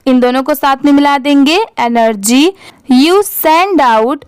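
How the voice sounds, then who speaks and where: High-voiced woman teaching slowly. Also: darkish tone, dry recording. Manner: spells words letter by letter, then blends the parts; asks the class questions and answers them herself. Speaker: English reading teacher. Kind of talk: step-by-step spelling lesson.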